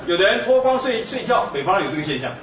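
A man giving a Buddhist sermon in an emphatic, exclamatory way, full of rhetorical questions to the audience. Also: high voice. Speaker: Buddhist lecturer. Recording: echoey, distant, dull room recording.

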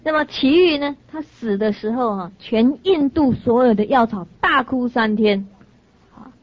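A woman teaching a sermon through lively stories, often laughing and correcting herself. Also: on the high side, a little slow. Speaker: dharma teacher. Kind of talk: storytelling sermon to an audience. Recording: dry, slightly dull lo-fi sound.

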